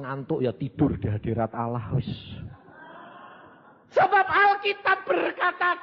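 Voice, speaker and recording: Lively Javanese-accented male preacher. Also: very high voice, long reverb tail, highs cut off. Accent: Javanese-tinged Indonesian. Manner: animated storytelling, acting out dialogues. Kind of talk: sermon with anecdotes.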